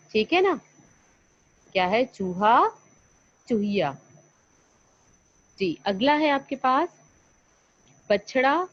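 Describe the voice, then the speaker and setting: A woman's voice: a little high, a little hiss or hum. Woman teacher, online class, coaxing, asks and answers herself, slightly dull call audio. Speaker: primary school teacher. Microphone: computer mic on an online class call.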